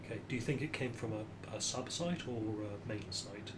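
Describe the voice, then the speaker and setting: A man playing a tabletop game, talking casually and haltingly as he thinks aloud. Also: fairly low pitch. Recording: clear background noise.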